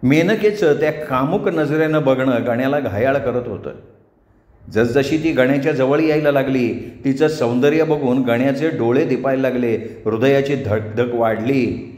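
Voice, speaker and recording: A man's voice: mid-range voice, unhurried, echoey room. A man narrating a comic story expressively, acting out the hapless hero's panicky lines himself. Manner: lively, expressive. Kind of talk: Marathi story narration with character voices.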